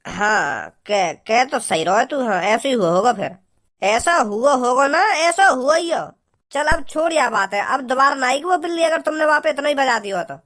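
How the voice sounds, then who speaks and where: Actor doing a mocking cartoon village brother, drawling, teasing, high voice. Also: expressive, moderate pace, a bit bright.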